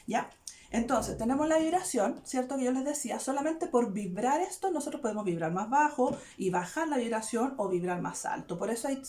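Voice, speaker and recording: A woman, a therapist explaining an idea to her viewers in casual talk that is often broken up by "¿ya?". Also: high voice. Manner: frequent "¿ya?" check-ins, animated and searching for words. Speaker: therapist and video host.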